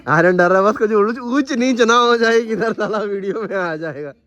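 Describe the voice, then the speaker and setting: A man with a high voice and a fairly bright tone speaks at a moderate pace while hosting a casual family vlog. Out at temples and outdoors with his family, he chats freely and keeps saying "guys" to his viewers.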